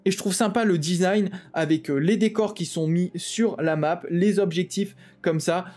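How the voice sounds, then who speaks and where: A man hosting a tabletop game channel, explaining rules in a quick, casual way with lots of fillers and restarts. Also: sits high, a little mellow. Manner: talks fast, with many "euh" fillers and restarts.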